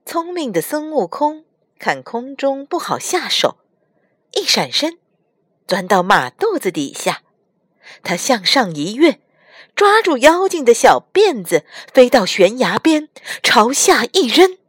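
A woman reads a children's storybook aloud, her voice swinging widely in a sing-song way. She takes her time over each line, in a fairly high voice. The sound is dry and close. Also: slow, husky, no room sound. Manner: expressive, sing-song reading. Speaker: storyteller mother.

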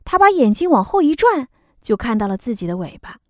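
Lively woman telling a children's story. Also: fairly high pitch, a little fast, no room sound, clean studio sound. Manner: lively, expressive reading.

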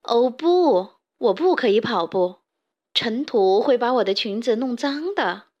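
A woman's voice: on the high side, expressive, unhurried, lo-fi sound. A woman voicing a vain, bossy hen queen in a children's storybook, with a haughty, commanding manner. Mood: excited, fussy.

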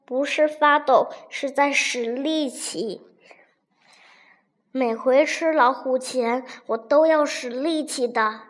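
A clever, timid young buck sika deer from a storybook, bluffing in a high, slow voice, as a woman reads him. He trembles as he talks, his teeth chattering. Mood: trembling.

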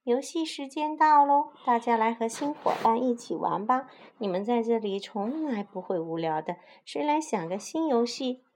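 A woman's voice: on the high side, animated, moderate pace, hardly any pauses, a little mellow, a little hiss or hum, voice pushed up. A woman voicing a spoiled, imperious queen in a picture-book story, gushing and commanding. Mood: cheerful.

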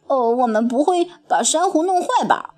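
Woman playing cartoon sea crew, high voice, very lively pitch, hesitant, storybook. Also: normal speed. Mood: curious. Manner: hesitant with filler sounds. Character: eager cartoon sea creatures, doctor and scholar.

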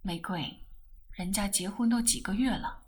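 A woman reading an audiobook, voicing a caring older brother who coaxes his sister in a lowered, husky voice. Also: moderate pace, close to an everyday voice. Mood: consoling. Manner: coaxing, pleading.

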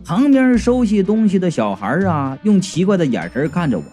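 A man narrating a comic audiobook story in an animated, exclamatory way. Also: high voice, moderate pace, soft background music.

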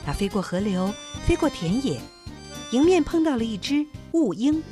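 Animated woman telling a children's story. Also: on the high side, normal speed, over music. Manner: expressive, animated reading.

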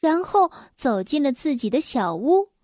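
Slow, high-voiced woman storyteller. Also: dry recording, studio quality. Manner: gentle, expressive, addresses children directly. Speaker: children's storyteller. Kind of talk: reading a children's story aloud.

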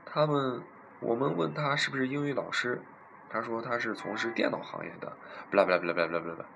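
Young man with a gravelly, bright voice. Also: mid-range voice, quick pace, a little hiss or hum, low-quality recording. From Zhejiang, China. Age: young adult. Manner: playful, amused retelling. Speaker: vlogger. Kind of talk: casual storytelling.

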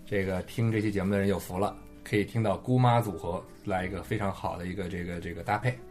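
A man's voice: low voice, fairly even intonation, quick pace, darkish tone, soft background music. A man hosting a casual Chinese podcast chat with guests. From China. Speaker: podcast host.

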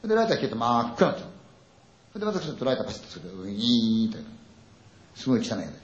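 A man's voice: mid-range voice, sing-song, very fast. An older man performing a spoken ghost story, acting out frightened friends' dialogue with lots of sound words. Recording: echoey dull audio.

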